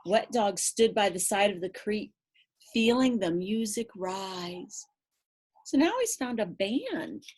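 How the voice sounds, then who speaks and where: A woman reads a picture book aloud to young children with animated, playful, rhythmic delivery, drawing out words and adding chatty asides. Her mid-range voice is expressive and darkish, with a breathy edge.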